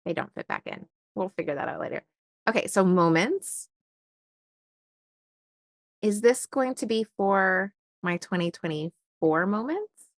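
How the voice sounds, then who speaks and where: A woman's voice: mid-range voice, wildly swooping pitch, measured pace, vocal fry, long pauses, dry recording. A young woman chatting casually while unboxing stationery and thinking aloud with lots of fillers. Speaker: stationery vlogger.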